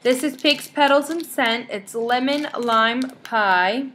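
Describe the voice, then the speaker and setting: A woman's voice: on the high side, slow, fairly bright tone, a little hiss or hum. A young woman casually chatting to viewers in a rambling, bubbly way while reading out product names one by one. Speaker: vlogger showing wax melts. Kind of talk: casual chatty haul vlog.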